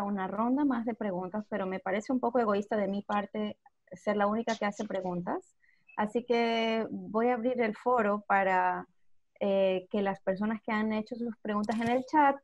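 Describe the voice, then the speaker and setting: A woman's voice: medium pitch, darkish tone. A woman moderating an online webinar, polite and organized as she hands the floor to participants. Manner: organized, polite, gives clear instructions. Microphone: video call. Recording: muffled video call audio.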